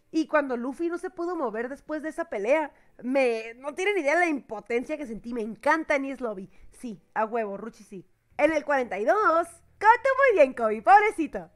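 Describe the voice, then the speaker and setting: A woman with a Mexican accent chats through a reaction video in a high, youthful voice. Her talk is slangy and loose, and she keeps stopping to correct herself. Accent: Mexican Spanish. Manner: chatty, slangy, self-correcting, laughs often. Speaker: anime reaction youtuber. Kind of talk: casual reaction commentary.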